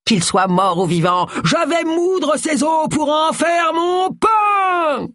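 A woman's voice: high voice, lively intonation, fairly bright tone, dry recording, raised voice, studio quality, pitched above the performer's own voice, full character voice. A woman voicing a burly male amateur actor roaring as an ogre in a village pantomime. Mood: menacing. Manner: roaring, slow and menacing.

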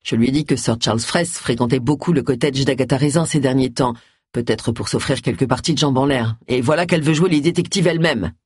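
Reader doing an older ex-cop detective, grave and calm, bit husky, dry sound. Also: male voice, mid-range voice, fairly quick, no echo, pitched below the performer's own voice, natural voice.

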